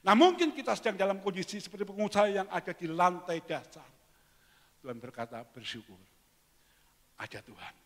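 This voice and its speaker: Male pastor, high-pitched, preaching in a reverberant church hall. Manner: animated preaching with sudden loud peaks and quiet asides. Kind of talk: sermon.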